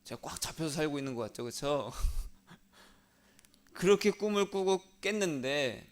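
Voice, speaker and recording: A middle-aged Korean man preaching a sermon as pastor, telling a personal story earnestly and often dropping to a soft, quiet voice. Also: fairly high pitch, lively intonation, measured pace. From South Korea.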